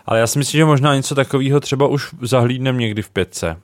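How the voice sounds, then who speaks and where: A man's voice: medium pitch, dry recording. A young man co-hosting a casual book chat, thinking aloud with small hesitations. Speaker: podcast co-host.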